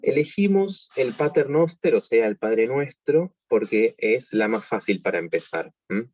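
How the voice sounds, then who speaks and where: A man's voice: medium pitch, lively intonation, measured pace, a little mellow, slightly rough, no echo, lo-fi sound. Argentine man teaching over a call. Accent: Argentine Spanish. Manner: explanatory, with many fillers and restarts. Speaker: music teacher. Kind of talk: online workshop lesson.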